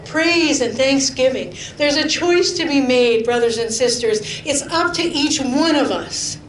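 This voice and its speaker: A middle-aged woman preaching to her congregation, with a fairly high voice. She talks in an earnest, chatty way, laughing often and sinking to a hush for emphasis. The sound carries the echo of a roomy church hall, with a faint rumble underneath. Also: lively intonation, a little slow. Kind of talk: sermon with personal testimony.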